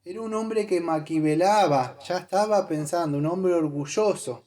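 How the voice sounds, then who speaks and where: A man's voice: high voice, moderate pace, dark tone. A male pastor, preaching a conversational sermon to his congregation, talking to them directly and thinking aloud while he hunts for Bible verses. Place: church.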